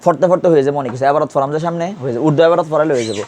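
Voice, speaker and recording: A man's voice: fairly high pitch, racing, a little mellow, slight background noise. A man teaching an Urdu grammar class, speaking colloquially and patiently drilling pronunciation with repeated questions to his students. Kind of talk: classroom lesson.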